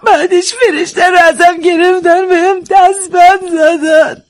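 Actress as a distraught young mother, crying, very high voice, pleading. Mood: sobbing, pleading. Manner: pleading, sobbing. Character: distraught young mother sobbing for her child.

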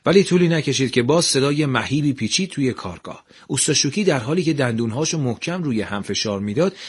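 A man tells a scripted radio story at a measured, even pace. His voice sits in the middle range with a husky grain. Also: mid-range voice.

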